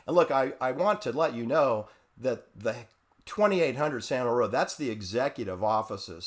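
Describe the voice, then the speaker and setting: Guy ranting on his own show, rambly and emphatic, sarcastic asides, mid pitch. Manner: rambling, emphatic, repeats himself. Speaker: commentator. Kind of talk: conspiracy-minded monologue.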